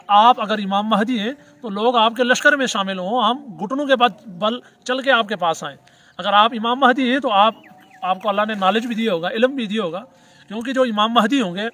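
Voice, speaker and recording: A man's voice: high voice, sharp tone. A middle-aged man, a cleric and mufti speaking, gives a sarcastic, formally polite religious commentary in a video. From Pakistan.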